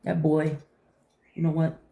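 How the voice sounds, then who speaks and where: A middle-aged woman chatting casually to viewers while eating, telling stories in an animated way and acting out conversations. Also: sits low, unhurried, vocal fry. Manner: talking while eating breakfast. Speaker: vlogger.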